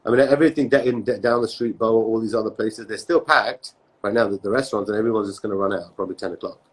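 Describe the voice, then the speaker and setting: A man hosting a casual live-stream interview, talking in quick bursts full of restarts. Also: fairly low pitch, slightly rough, rough recording. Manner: rapid, halting, many restarts and "man". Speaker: host.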